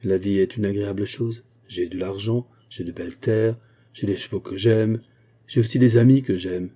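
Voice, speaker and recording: A man's voice: fairly low pitch, steady tone, moderate pace, dark tone, natural voice. A man reading the part of a strong aging musketeer, gloomy and superstitious, who tells of omens in his family in an earnest, brooding way.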